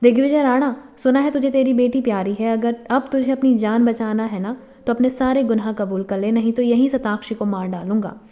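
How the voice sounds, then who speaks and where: Woman reading a young groom, taunting, menacing, defiant, fairly high voice, storybook. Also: steady tone, brisk, hardly any pauses, dark tone, natural voice.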